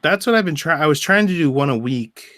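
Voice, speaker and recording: A man's voice: on the high side, lively intonation, quick pace, fairly bright tone, no room sound, clean studio sound. A young man who laughs often, chatting casually with a streamer on a call. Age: young adult. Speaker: guest. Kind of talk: casual chat.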